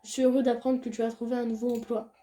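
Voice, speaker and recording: A young woman reading a visual novel aloud and chatting casually about the game as she plays. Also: rapid-fire. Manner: reads game dialogue in a soft low voice, chats loudly and excitedly between scenes. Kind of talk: casual let's-play commentary.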